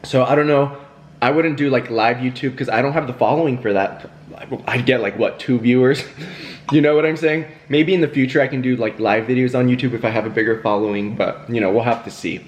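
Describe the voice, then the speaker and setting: A man's voice: mid-range voice, fairly quick. A young man talking casually to the camera while eating, rambling and laughing between bites. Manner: chatty and rambling, with fillers, laughs and self-talk. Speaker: YouTuber hosting a mukbang.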